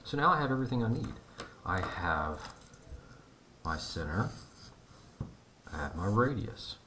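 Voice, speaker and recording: A man teaching a math lesson, explaining step by step in a relaxed, conversational way. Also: low voice, unhurried, a little hiss or hum.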